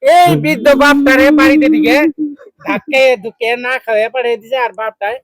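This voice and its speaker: A man acts out a stern, preachy bystander, berating a son in an amateur street drama. The voice sits very high and carries an emphatic, lecturing push. The recording is dry, with almost no room sound. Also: brisk, dry recording. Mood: scolding.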